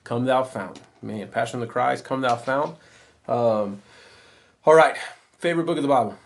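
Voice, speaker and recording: A man hosting a casual church podcast, talking in a relaxed, chatty way with plenty of fillers, and he has a wife and kids. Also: medium pitch, moderate pace, gravelly. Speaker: podcast host.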